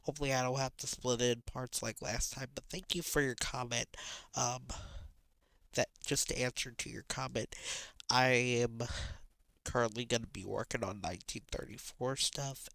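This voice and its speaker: A man hosting a casual film review, his voice nasal and sickly from illness, rambling with many pauses and fillers. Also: mid-range voice, gravelly, a bit bright, dry recording. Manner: rambling, many ums and restarts.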